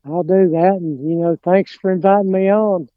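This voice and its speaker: A man's voice: high-pitched, fairly even intonation, moderate pace, clear, resonant tone, no echo, phone-quality sound. A middle-aged man with an Appalachian mountain accent chatting casually, rambling and hesitant, often trailing off. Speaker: podcast guest, lawn care business owner. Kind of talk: casual chat.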